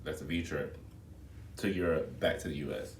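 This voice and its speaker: A man's voice: rumbling low, fairly even intonation, moderate pace, a little hiss or hum. A man who works as a flight attendant, chatting casually and expressively to his viewers, recorded on a phone video. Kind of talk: casual vlog chat to viewers. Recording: echoey room, phone mic held back at a distance.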